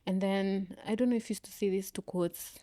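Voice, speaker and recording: A woman's voice: mid-range voice, steady tone, a little fast, dark tone, dry recording, clean studio sound. A young woman, speaking earnestly and reflectively as an interview guest, with frequent fillers. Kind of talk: candid personal conversation.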